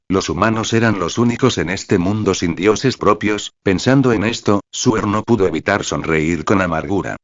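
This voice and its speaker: A man narrating a story in an even, steady reading voice. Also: sits low, no room sound, dull audio.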